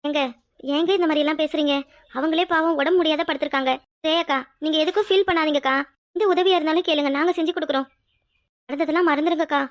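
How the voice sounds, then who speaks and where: A woman voicing a gentle, earnest young wife in a cartoon drama. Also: high voice, steady tone, fast talker, pauses often, dry recording, studio quality, natural voice. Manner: earnest, pleading. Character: gentle young wife who finally speaks up. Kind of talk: cartoon voice acting.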